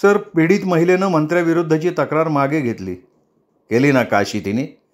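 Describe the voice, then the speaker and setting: Audiobook: man doing a keen young reporter, deferential, higher pitch. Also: moderate pace, close to an everyday voice. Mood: respectful.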